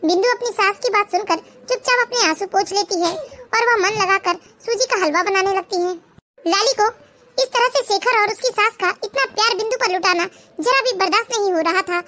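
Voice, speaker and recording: A woman's voice: very high-pitched, brisk, sharp tone. A woman narrating a cartoon family story in a plain storytelling way.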